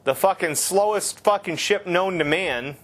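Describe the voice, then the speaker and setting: A man's voice: high-pitched, unhurried, a bit bright. A man giving casual gameplay commentary, rambling and sarcastic with heavy swearing.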